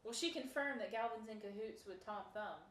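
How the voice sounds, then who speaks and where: A woman's voice: on the high side, brisk, a bit bright. A woman player in casual tabletop game chat, playful and chatty. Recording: echoey room, mic far off.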